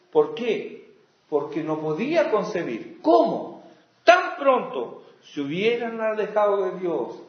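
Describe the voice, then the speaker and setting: A male pastor preaching with passion, swinging from loud exclamations to hushed asides. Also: high-pitched. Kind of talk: sermon. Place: church sanctuary. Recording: echoey, dull lo-fi church recording.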